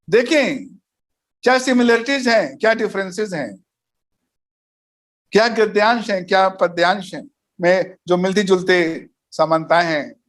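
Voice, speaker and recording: A man, a pastor, teaching a Bible study session in a didactic way, listing numbered points and telling short anecdotes. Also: high-pitched. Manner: didactic, enumerates points, tells jokes and anecdotes.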